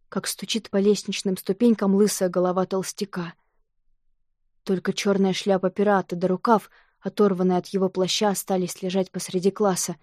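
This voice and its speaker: Woman narrator for a kids' audiobook, fairly high voice, dry close sound. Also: no room sound. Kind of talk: audiobook reading of a children's story.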